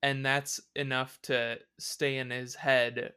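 A man's voice: mid-range voice, flat delivery, slow, bright, forceful tone, smooth. A man co-hosting a podcast, chatting in an easygoing way with lots of fillers. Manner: easygoing, filler-heavy, agreeable. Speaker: podcast co-host. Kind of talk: casual chat.

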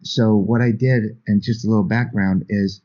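Brief: low, husky male author guest, earnest anecdotal storyteller, slightly muffled lo-fi audio. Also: fairly even intonation, moderate pace, mellow. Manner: earnest, anecdotal, frequent restarts. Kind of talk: storytelling in an interview. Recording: dull lo-fi sound.

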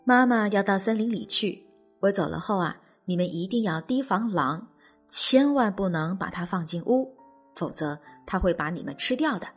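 A woman voicing a worried mother goat who speaks low and softly. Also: animated, moderate pace, husky, soft background music. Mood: cautioning. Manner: low, soft, cautioning.

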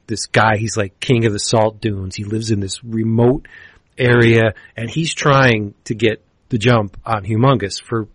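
A man co-hosting a comics podcast, retelling a story in a casual, animated way and acting out the characters' lines. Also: lowish voice, slightly rough, dry recording. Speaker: podcast co-host reviewing comics.

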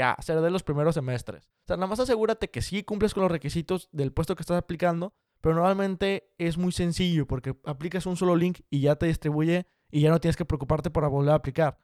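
A young man giving casual career advice straight to the viewer, direct, brisk and encouraging. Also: a little high, a little mellow, no room sound, clean studio sound. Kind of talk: casual explanatory talk to viewers.

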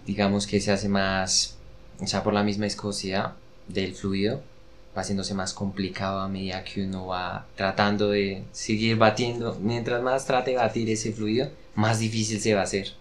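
A man, a guest expert explaining patiently in a measured way with hesitant fillers. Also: on the low side, level tone, slight background noise. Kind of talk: casual explanatory chat.

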